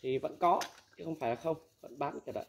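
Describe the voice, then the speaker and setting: A man's voice: a little high, fast talker, slight background noise. Male, candid used-machinery dealer; blunt, casual advice talk. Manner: blunt, candid, laughs often, acts out quoted dialogue.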